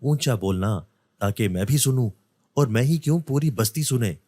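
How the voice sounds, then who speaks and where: A man voicing a loud, quarrelsome middle-aged beggar woman who wails and scolds her husband. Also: fairly low pitch, unhurried, no room sound. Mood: scolding. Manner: wailing, scolding.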